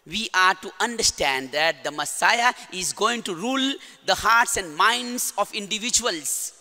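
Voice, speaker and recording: Indian English male priest, high and sharp-toned, formal homily delivery, long cathedral echo. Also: lively intonation. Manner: formal, measured liturgical delivery. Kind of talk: reading the gospel and preaching a homily. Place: large church. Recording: long church reverb.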